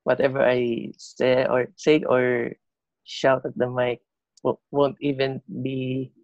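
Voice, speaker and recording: A man with a slight lisp, a band vocalist chatting as a podcast guest, talking haltingly with many fillers and restarts. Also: mid-range voice, level tone, a little mellow, dry recording, dull audio. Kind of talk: casual interview chat.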